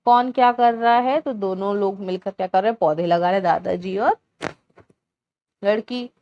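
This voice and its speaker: A woman teacher slowly walking young children through a Hindi workbook lesson, sounding out syllables clearly one by one. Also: mid-range voice, dull audio, slight background noise. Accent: Indian Hindi.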